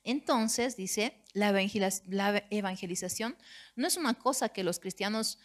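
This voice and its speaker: Una mujer con acento boliviano que predica un sermón en una iglesia con fervor y que alza la voz casi hasta gritar en las frases clave. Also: female voice, mid-range voice, moderate pace. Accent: Bolivian Spanish. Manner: fervent, rising to near shouts on key phrases. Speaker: preacher. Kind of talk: sermon. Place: church.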